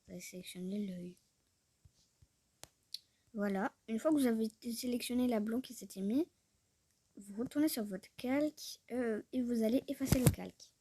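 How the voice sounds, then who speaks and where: A woman's voice: a little high, moderate pace, long pauses, warm tone, a little hiss or hum. A woman chatting casually through a tutorial, rambling, talking to herself and often dropping to a murmur. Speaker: YouTuber showing a tutorial. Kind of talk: casual screen-recorded tutorial chat.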